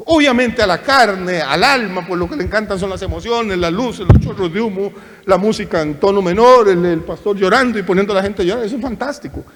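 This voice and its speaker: A male pastor preaching a sermon, animated and theatrical, often acting out the voices of churchgoers and preachers. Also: high voice, brisk, long reverb tail.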